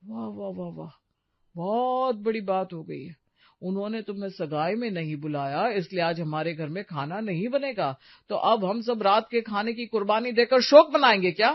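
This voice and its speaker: Cartoon husband, sarcastic and short-tempered, pitched low, woman voicing. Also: expressive, moderate pace, creaky, dry recording, lo-fi sound. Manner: sarcastic, exasperated scolding.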